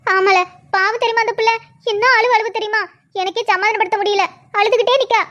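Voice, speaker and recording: A woman's voice: extremely high pitch, fairly even intonation, quick pace, fairly bright tone, muffled recording. A woman voicing a worried, tearful village mother, in a cartoon. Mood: fretful. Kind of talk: cartoon voice acting.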